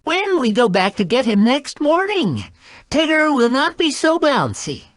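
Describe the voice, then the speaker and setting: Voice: high voice, huge pitch swings, a little slow, no echo, pitched above the performer's own voice, full character voice. A performer voicing a fussy, irritable, scheming rabbit in a children's storybook.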